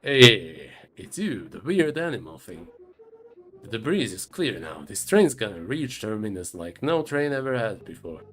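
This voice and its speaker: A man's voice: on the low side, sing-song, a little slow, a bit bright, soft background music, pitched below the performer's own voice. A man doing a grumpy, sarcastic train conductor. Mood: grumbling. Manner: sarcastic, grumbling.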